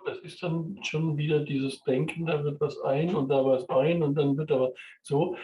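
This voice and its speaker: A man hosting a podcast in a reflective conversation, speaking in a measured, hesitant way with filler sounds. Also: a little high, fairly even intonation, highs cut off. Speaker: podcast host. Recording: roomy, distant mic, faint background noise.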